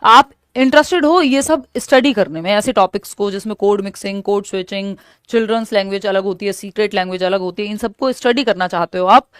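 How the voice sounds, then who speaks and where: A woman with an Indian accent teaching an exam-prep lecture, explaining each answer step by step and reading English questions slowly. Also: medium pitch, smooth, no room sound, studio quality.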